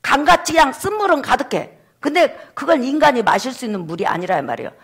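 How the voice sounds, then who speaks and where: Lively, gravelly male pastor preaching. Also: very high voice, quick pace. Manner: animated preaching, acting out quoted voices. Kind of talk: sermon. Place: church.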